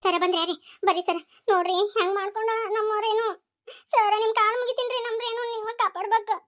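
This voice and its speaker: A frantic young village woman from a cartoon, as a woman plays her, begging for help in a North Karnataka Kannada accent. Her voice is very high and urgent. She pleads insistently and politely. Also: fairly even intonation, fast talker, fairly bright tone.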